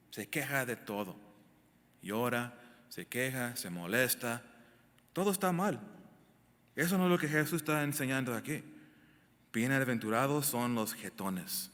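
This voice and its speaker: A male pastor with a medium-pitched, slightly bright voice teaches a Bible sermon verse by verse. He is emphatic and puts direct questions to the congregation. The echoey hall gives a long reverb.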